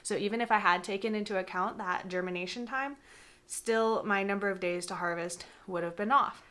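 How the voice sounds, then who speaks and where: In a casual, chatty gardening vlog, a young woman explains her topic with lots of fillers, her voice slightly congested from a cold. She speaks in a mid-range voice, a little fast and a bit bright. She records mostly indoors, with some segments outdoors in a garden.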